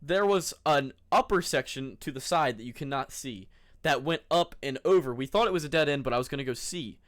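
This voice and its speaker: A man's voice: mid-range voice, animated, a little fast, a bit bright, no room sound, clean studio sound. A man narrating his own trip as a vlogger in a casual, rambling, jokey and laid-back way, with informal slang.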